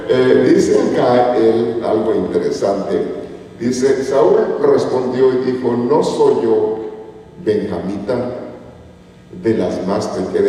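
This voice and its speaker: A man's voice: mid-range voice, dark tone, a little hiss or hum. A man from Guatemala preaching a sermon in a church, telling stories with rising emphasis. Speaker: pastor. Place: church hall. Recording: echoey church hall from far off.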